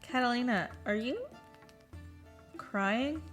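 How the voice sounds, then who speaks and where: An actress playing a blunt, teasing medical student talking with friends. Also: female voice, a little high, takes it slowly, fairly bright tone, soft background music. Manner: blunt, teasing, matter-of-fact.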